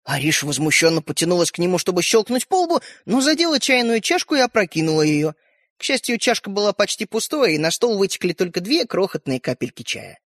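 A woman reading a children's story aloud, her pitch rising and falling in a lively, expressive way. Her voice sounds close and dry, with no room around it. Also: brisk, dry recording. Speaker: narrator. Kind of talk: audiobook narration for children.

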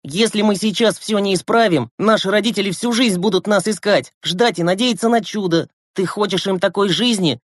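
A man's voice: sits high, normal speed, hardly any pauses, dry recording, clean studio sound, voice pushed up. A man doing a brash, impatient teenage boy. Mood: urgent. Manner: forceful, sharp, impatient.

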